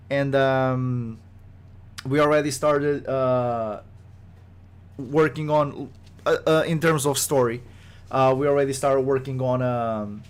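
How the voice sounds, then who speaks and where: A man's voice: medium pitch, clean tone. A man who develops games, giving a casual podcast update, rambling with many fillers and restarts and sounding exasperated at rumors. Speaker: game studio developer.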